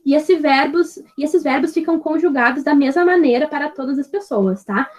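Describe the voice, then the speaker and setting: A woman teaching an English grammar lesson, patient and explaining step by step, checking in with her students after nearly every phrase. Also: high voice. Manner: spells out examples slowly and clearly.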